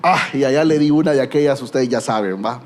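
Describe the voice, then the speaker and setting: A man's voice: mid-range voice, fast talker. A middle-aged man preaching a sermon with a Guatemalan Spanish accent, telling stories with humor and rhetorical questions.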